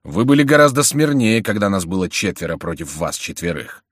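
A man's voice: low voice, very animated, fairly quick, no room sound, clean studio sound. A man voicing a sarcastic nobleman who needles his rivals with cool irony. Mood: ironic. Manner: ironic and cool. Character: sarcastic male nobleman duelist.

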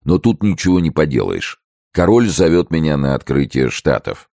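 A man reading as a proud, disgraced male minister in an audiobook, with solemn, measured speech. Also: rumbling low, sing-song, creaky, mellow, dry recording, clean studio sound, pitched above the performer's own voice, exaggerated voice. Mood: grave.

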